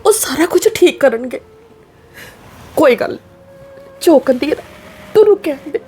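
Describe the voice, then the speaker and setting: A woman's voice: high voice, lively intonation, moderate pace, mellow, faint music behind. A woman with a Punjabi accent playing a worried mother who pleads earnestly with her married daughter. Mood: pleading. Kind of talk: family drama acting.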